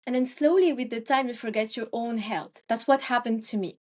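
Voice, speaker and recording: A young woman from Morocco talks in a casual interview, stopping and restarting her sentences often. Her voice sits fairly high. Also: a little fast, darkish tone. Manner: hesitant, many fillers and restarts. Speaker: guest, Ayurvedic practitioner.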